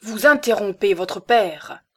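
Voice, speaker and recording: A proud old nobleman, thundering and wounded, fills this storybook scene, as a woman reader voices him. His words come loud and forceful, with bursts of rising volume. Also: mid-range voice, a little slow. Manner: thunderous, then crushed.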